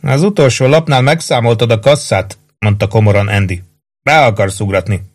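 A man's voice: medium pitch, lightly acted. A man reading an audiobook, voicing a gloomy, suspicious soldier at cards. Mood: sullen. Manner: sullen, reproachful. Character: gloomy suspicious male soldier card player. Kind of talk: audiobook character voice.

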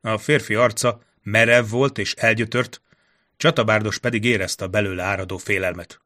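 A man narrating a fantasy audiobook in a steady storytelling manner. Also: lowish voice.

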